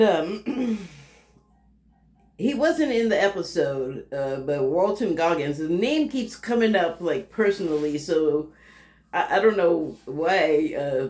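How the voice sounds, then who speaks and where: A woman's voice: fairly low pitch, a little mellow. Rambling woman reviewing TV, roomy sound. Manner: rambling, laughs often, many fillers. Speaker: TV critic. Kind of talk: casual TV review monologue. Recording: roomy echo.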